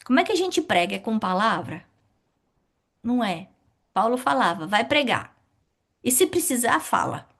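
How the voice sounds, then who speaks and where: A middle-aged woman teaching a spiritist study class, asking questions and answering them herself in a lively way. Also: a little high, normal speed, gravelly, long pauses.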